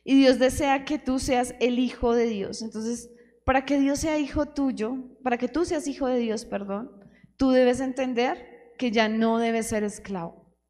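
A woman's voice: fairly high pitch, fairly even intonation, a little slow, a little mellow. A woman preaching an earnest sermon, asking the congregation questions. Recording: hall reverb.

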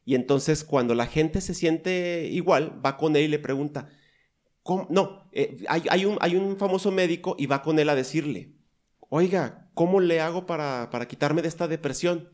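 A man's voice: on the high side, moderate pace, darkish tone. A man in casual chat, hesitant and searching for words as he retells something.

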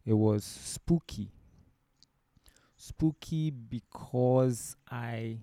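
A Ghanaian musician, born in Romania, tells stories as an interview guest in a wandering, conversational manner. His voice is mid-range and dark-toned, carrying a Ghanaian accent. The sound is studio quality with no room sound.

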